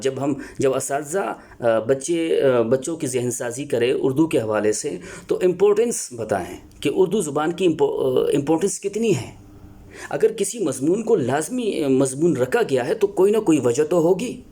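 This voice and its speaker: An earnest male teacher gives a lecture with a mellow, relaxed tone. His voice sits a little high for a man, and he pauses often on fillers as he works out his points. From Pakistan. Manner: earnest, explanatory, with many filler pauses and restarts. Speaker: Urdu teacher. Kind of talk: spoken lecture on teaching Urdu.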